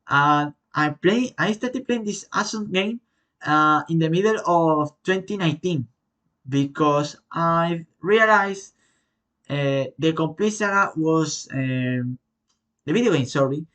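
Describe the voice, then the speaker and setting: A man from Spain with a Spanish accent, answering viewer questions in a casual, halting way with many fillers and self-corrections. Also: a little high, fairly bright tone. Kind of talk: casual Q&A vlog.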